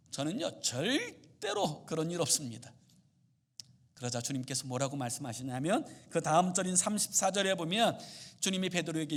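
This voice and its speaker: A male pastor delivering a sermon dramatically, swinging from loud exclamations to hushed murmurs. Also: high voice.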